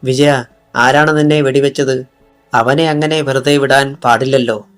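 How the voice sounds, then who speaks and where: A man's voice: medium pitch, steady tone, measured pace, a bit bright, clean tone, soft background music, close to an everyday voice. A man reading the part of a serious, fatherly older businessman in an audiobook.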